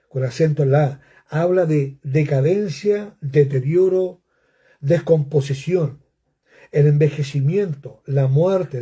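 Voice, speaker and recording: A man delivering a sermon in an earnest, repetitive way, often asking his listeners to agree. His voice is husky and deeply mellow, sitting a little high for a man. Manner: earnest, repeats phrases, asks the congregation "¿no es cierto?". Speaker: preacher.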